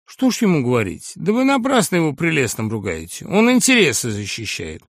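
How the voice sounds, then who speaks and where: A man's voice: a little high, huge pitch swings, brisk, no room sound, studio quality, exaggerated voice. A male audiobook reader voicing a crude, brash young man newly made from a dog, mocking, aggrieved and insistent. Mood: smug. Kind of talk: audiobook character reading.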